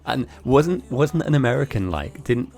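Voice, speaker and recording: This man speaks at medium pitch and a moderate pace, with an expressive, creaky, slightly mellow voice. He has an English accent but grew up in Germany and Italy speaking German and Italian, and he rambles and laughs a lot while streaming a game and reading viewers' messages. Faint music sits in the background.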